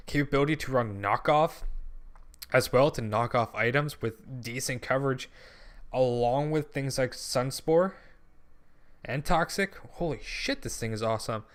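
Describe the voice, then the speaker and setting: A young man in casual gaming commentary, thinking aloud with lots of ums, frequent swearing and restarted sentences. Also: medium pitch. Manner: rambling, drops and restarts sentences. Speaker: channel host.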